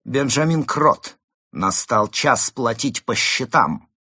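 A man's voice: low-pitched, measured pace, fairly bright tone, husky, no echo, clean studio sound, exaggerated voice. A man voicing a tall masked gang leader who speaks in a solemn, theatrical way. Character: tall male gang leader in a mask, commanding.

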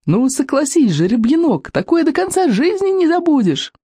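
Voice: medium pitch, sing-song, normal speed, a little mellow, no room sound, clean studio sound. A reader doing a brash daring Viking girl. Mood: exhilarated. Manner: teasing, brash, shrieks. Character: bold small blonde Viking girl, daring.

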